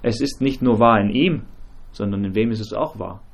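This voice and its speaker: A man teaching a Bible study group, talking in a halting way with many fillers and restarts and asking the group questions. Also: lowish voice, vocal fry.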